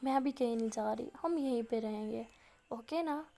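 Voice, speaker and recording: A woman voicing a gentle, caring young woman who coaxes and soothes her friend. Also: a little high, vocal fry. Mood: soothing. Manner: soothing, coaxing.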